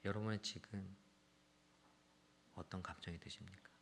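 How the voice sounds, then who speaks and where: A man in his thirties or forties preaching a sermon, telling a family story and swinging from hushed, near-whispered lines to loud, excited ones while asking the congregation questions. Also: low voice, normal speed, gravelly, a little hiss or hum. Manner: addresses the congregation directly with questions.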